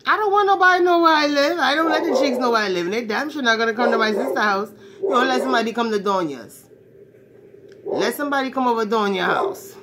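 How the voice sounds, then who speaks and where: Here the woman uses her natural voice, pitched on the high side and quick, heard over a noisy crowd. She's portraying a brash, crude, swaggering ladies' man in his 40s, rambling in a comedic monologue to a phone camera at arm's length inside a small, cluttered bedroom.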